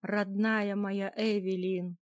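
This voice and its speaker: A woman reading a man's part as a loud, effusive long-lost brother who gushes and exclaims. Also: mid-range voice, measured pace, dry recording, studio quality, close to an everyday voice. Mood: gushing.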